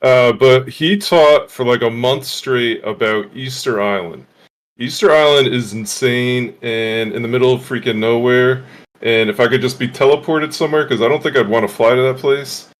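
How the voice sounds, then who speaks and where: Relaxed male guest telling a story. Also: mid-range voice, normal speed. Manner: relaxed, filler-heavy storytelling. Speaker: guest streamer. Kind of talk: casual storytelling.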